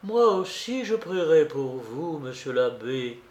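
A man voicing a frail, elderly bishop who speaks gently, haltingly and sorrowfully in a storybook reading. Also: high voice, animated, voice pushed up, full character voice. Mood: tender. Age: older. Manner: soft, halting, pleading. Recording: roomy, echoey recording.

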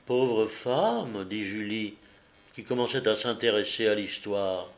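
A man narrating a classic novel in a measured audiobook reading. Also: on the low side, steady tone, fairly bright tone.

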